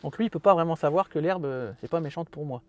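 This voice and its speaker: A man's voice: a little high, quick pace. A man hosting a casual car walkthrough from inside his parked car, chatty and fond of self-mocking jokes. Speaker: car video host.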